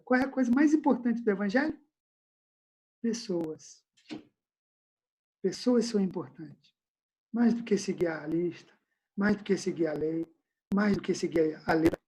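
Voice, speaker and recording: A man's voice: high-pitched, mellow. A male pastor leading an informal Bible study question-and-answer session over a video call from home, talking in a casual, slangy, conversational way.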